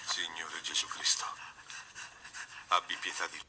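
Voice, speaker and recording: An actor playing a grave, commanding exorcist priest in a horror film, speaking in a solemn liturgical manner. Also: male voice, deep voice, little pitch movement, measured pace, sharp tone, in a whisper, exaggerated voice. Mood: hushed, grave. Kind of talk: dubbed horror film acting. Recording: noisy film soundtrack.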